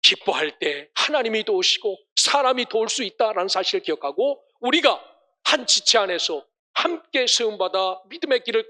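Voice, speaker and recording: A man's voice: high-pitched, pushed and bright. A male pastor preaching a Sunday sermon, asking rhetorical questions and ending passages with blessings.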